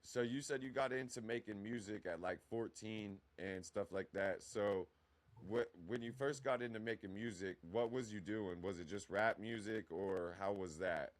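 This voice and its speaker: With a fairly low pitch and moderate pace, this podcast host in his mid-twenties rambles loosely through a casual interview chat, asking questions and dropping plenty of "you know what I mean".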